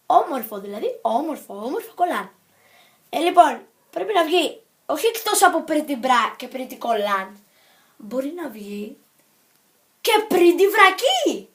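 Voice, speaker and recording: A woman's voice: high-pitched, sing-song. A woman talking to the camera in a casual vlog, rambling playfully, jumping between topics and correcting herself. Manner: scattered, jumps between topics and self-corrects; playful and silly. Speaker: vlogger.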